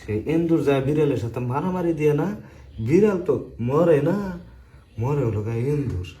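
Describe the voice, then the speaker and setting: An elderly village grandfather, played by a man, speaks, rambling through folksy stories and bursting into loud scolding. His pitch swings widely, and the room around him sounds echoey. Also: expressive, fairly quick, close to an everyday voice. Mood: reminiscing. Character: elderly village grandfather, later a blustering husband. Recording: roomy indoor recording.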